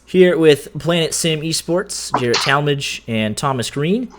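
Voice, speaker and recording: A man's voice: on the high side, animated, measured pace, noisy background. A man broadcasting post-race interviews with sim racing drivers, chatty and full of fillers. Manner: chatty, filler-heavy, stumbles and laughs.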